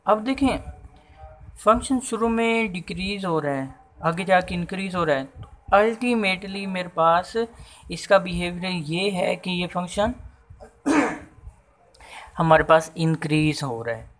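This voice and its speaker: A man explains a math lesson at a deliberately unhurried pace, working through each step out loud. He keeps posing rhetorical questions to his listeners as he goes. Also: high-pitched, expressive. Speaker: math teacher.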